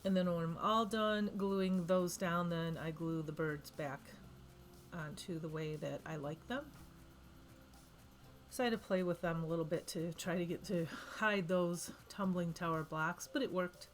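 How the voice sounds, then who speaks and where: A craft vlogger with a cold, her fairly low voice going, narrates a craft project at a measured pace over faint music. Her voice-over is chatty and rambling, full of ums and frequent self-corrections.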